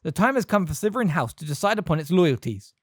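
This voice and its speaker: A reader voicing a stern older woman who gives sharp, scolding commands. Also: medium pitch, big pitch swings, quick pace, no echo, studio quality, voice pushed up.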